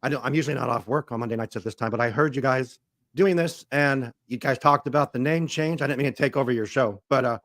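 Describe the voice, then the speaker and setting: A man with a hoarse, rough, raspy voice worn out by coughing, chatting casually and informally. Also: medium pitch, fast talker, fairly bright tone. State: hoarse, voice nearly gone from coughing. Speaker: guest, co-founder of a fan show. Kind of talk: casual chat.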